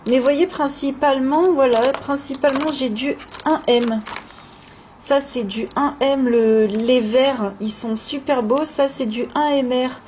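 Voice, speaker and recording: A woman's voice: high-pitched, a little slow, darkish tone. A woman chatting casually and enthusiastically to her viewers, in an informal vlog style. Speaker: craft and coloring vlogger. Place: indoors at home. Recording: noticeable background noise, home recording.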